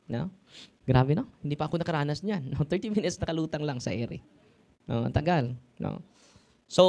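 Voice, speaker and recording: Chatty Filipino priest preaching. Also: male voice, a little high. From Philippines. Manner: chatty, tag questions, mixes languages, sudden loud exclamations. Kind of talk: informal sermon to a live audience.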